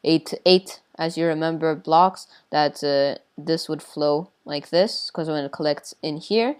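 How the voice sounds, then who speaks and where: Low-voiced woman chatting through a tutorial. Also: a little slow, a little mellow, smooth. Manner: hesitant, many fillers, playful sound effects. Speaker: tutorial builder. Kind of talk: casual game tutorial chat.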